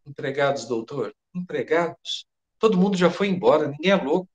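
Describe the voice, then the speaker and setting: A man's voice: fairly high pitch, lively intonation, a little fast, lo-fi sound, close to an everyday voice. A man with a Brazilian Portuguese accent reading the part of a frightened head cook who babbles breathlessly and swears by his mother. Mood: rattled. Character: panicked middle-aged male head cook.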